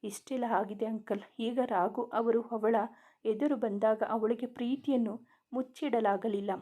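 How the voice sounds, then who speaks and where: A woman's voice: on the high side, steady tone, a little slow, dark tone. A woman narrating a romance story aloud, voicing the dialogue lightly as she reads. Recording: tinny phone-like sound.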